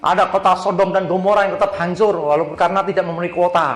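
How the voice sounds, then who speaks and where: Preacher in an echoey hall. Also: male voice, high voice, steady tone, quick pace. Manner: dramatic storytelling, shifting between hushed prayer and loud exhortation. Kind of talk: sermon with personal testimony. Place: church hall.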